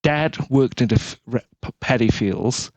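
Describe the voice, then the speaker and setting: A Malaysian man in his 40s talks as a guest in a casual interview, earnest and reflective, often restarting his sentences. His mid-range voice has a darkish tone and a measured pace, with no room sound.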